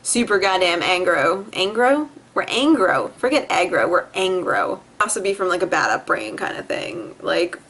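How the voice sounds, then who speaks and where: A woman's voice: lowish voice, lively intonation, moderate pace, hardly any pauses, a bit bright. A young woman from New Jersey talking to her camera at home in a rambling, profane vlog, laughing often and acting out her own quotes. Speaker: vlogger. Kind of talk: rambling personal vlog monologue. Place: indoors at home. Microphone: camera facing the speaker.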